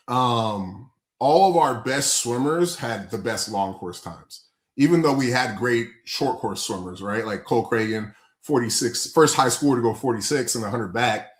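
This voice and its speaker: A man's voice: medium pitch, echoey room. A man co-hosting a casual sports podcast, talking in a rambling way with many fillers and restarts. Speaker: podcast co-host.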